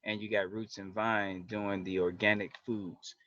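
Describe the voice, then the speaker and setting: A man's voice: fairly low pitch, flat delivery, a little slow, sharp tone, no room sound, dull audio. A man, leading a community group and earnestly walking viewers through web pages on a livestream. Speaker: community organization leader. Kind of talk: livestream presentation.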